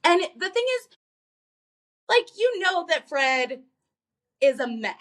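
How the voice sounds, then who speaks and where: A woman co-hosting a podcast in casual chat, animated, swearing freely and acting out lines from a movie. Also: sits high, slow pace. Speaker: podcast co-host.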